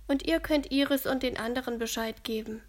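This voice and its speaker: A woman voicing a kindly elderly woman who speaks calmly and reassuringly. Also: high voice, a little fast.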